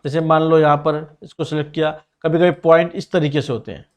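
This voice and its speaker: Fast-talking Hindi CAD tutor, man. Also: fairly high pitch, steady tone. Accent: Mumbai Hindi. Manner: step-by-step explanatory, talks to students directly; says he sometimes talks fast. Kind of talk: screen-recorded software tutorial.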